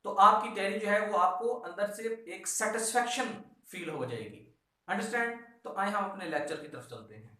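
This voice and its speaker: A high-pitched, expressive man with a Pakistani accent lectures exam students on law at normal speed, his tone bright and forceful. He is emphatic, repeats key instructions, and mixes in English terms. The very echoey whiteboard room and distant mic are audible in the recording.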